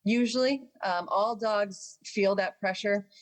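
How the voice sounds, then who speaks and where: A woman, a dog trainer, explaining calmly and patiently in a casual chat, with filler ums. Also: medium pitch, takes it slowly, low-quality recording. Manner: patient, instructive, with acted dog voices.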